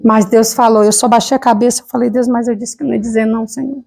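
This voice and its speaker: Fervent Brazilian woman preaching, slightly high. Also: little pitch movement, fast, gravelly, dark tone. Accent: Brazilian Portuguese. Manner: fervent, repetitive, emotional preaching. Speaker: lay preacher. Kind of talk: sermon with personal testimony. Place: church service.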